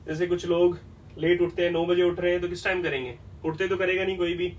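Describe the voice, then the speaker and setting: A man teaching an English lesson at a whiteboard, explaining step by step and often checking whether it is clear. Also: high-pitched, flat delivery, fast, distant mic, slight background noise, low-quality recording.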